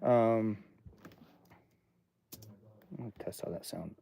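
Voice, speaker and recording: This is a slow, creaky, mellow voice with a fairly low pitch, belonging to a man in his late thirties. He rambles between topics and thinks aloud while chatting casually on a livestream from his home studio.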